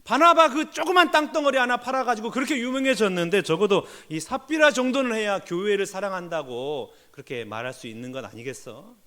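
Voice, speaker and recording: A man's voice: high-pitched, expressive, brisk, hardly any pauses, pushed and bright, pitched above the performer's own voice. A man acting out a woman who brags about her generous gift to the church, in a showy self-praising way. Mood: boastful.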